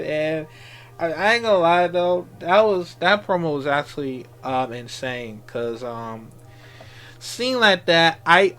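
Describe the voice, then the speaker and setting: A man giving a casual off-the-cuff wrestling recap as a fan, halting and repetitive, with slangy exclamations. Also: high-pitched, sharp tone.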